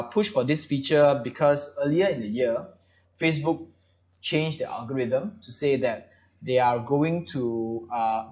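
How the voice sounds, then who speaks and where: A man's voice: medium pitch, darkish tone. A man from Malaysia hosting a casual panel chat, explaining at length with many fillers. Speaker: podcast host.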